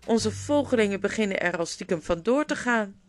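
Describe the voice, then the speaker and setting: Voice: mid-range voice, lively intonation, brisk, voice pushed up, lightly acted. A reader voicing a bitter, angry dwarf. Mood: heated. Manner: bitter, mocking, scolding. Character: angry grumbling male dwarf. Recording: guitar music playing underneath.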